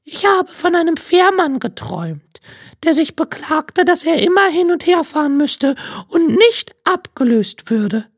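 A crafty, kindly old grandmother in a high, creaky falsetto, played by a man. She fusses in a sing-song way, and her voice swings widely up and down. It is a dry storybook reading. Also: very animated, unhurried, no room sound, full character voice. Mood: coaxing.

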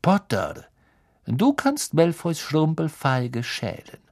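A man voicing a cold, menacing middle-aged professor who speaks slowly and evenly in an audiobook. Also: on the high side, voice pushed up, exaggerated voice. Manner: slow, even, icy.

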